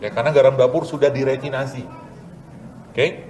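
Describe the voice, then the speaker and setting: A man's voice: mid-range voice, fairly even intonation, brisk, darkish tone, slight background noise. A man, a doctor giving an informal health talk with a cooking demonstration, chatty and joking with the audience.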